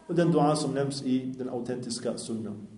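A man's voice: mid-range voice, warm tone, echoey room. A man giving a lecture, earnest, often asking his listeners questions. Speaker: Islamic lecturer. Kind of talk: religious lecture with audience questions.

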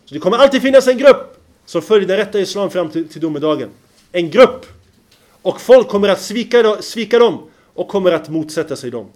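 High-pitched guy preaching, keeps asking "understand?", chants arabic verses now and then. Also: animated, darkish tone. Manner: keeps checking the listeners follow, with rhetorical questions. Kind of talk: religious lecture.

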